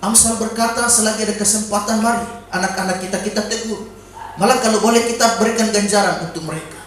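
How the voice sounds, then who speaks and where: A man preaching a sermon in a church, breaking into sudden shouted calls and exclamations. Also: sits high, steady tone, quick pace. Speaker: pastor. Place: church during a Wednesday evening service. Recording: very echoey church hall.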